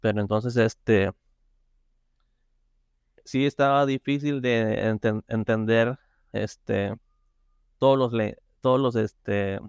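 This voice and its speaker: A man's voice: lowish voice, fairly even intonation, slow, long pauses, darkish tone, clear, resonant tone, no room sound, studio quality. A man, guest in a casual interview, talking hesitantly with many fillers and restarts. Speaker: interview guest, software tester.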